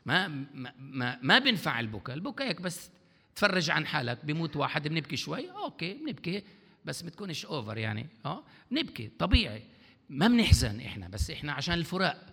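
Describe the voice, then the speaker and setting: Pastor preaching quick, bit higher voice, echo hanging in a big hall. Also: male voice, big pitch swings, creaky, bright, forceful tone, slightly rough. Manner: preaching with rhetorical questions the congregation answers. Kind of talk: sermon. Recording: long hall reverb.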